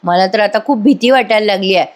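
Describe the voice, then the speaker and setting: A woman's voice: mid-range voice, fast talker, natural voice. A woman voicing a worried young wife who earnestly warns her family. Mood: anxious. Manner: anxious, earnest.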